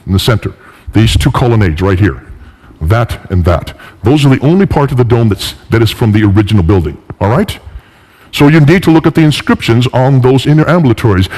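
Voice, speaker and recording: A man with a bad cold and fever gives an emphatic, didactic public lecture, teaching through pointed rhetorical questions to the audience. His voice is fairly high and a little mellow. The large indoor room is echoey, with long reverb.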